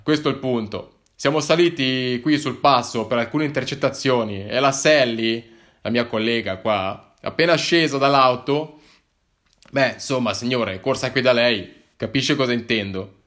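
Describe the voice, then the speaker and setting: A man's voice: mid-range voice, moderate pace, fairly bright tone, close to an everyday voice. A man voicing a middle-aged plainclothes narcotics officer who talks formally and firmly in a spoken story. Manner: formal, firm, a little hesitant.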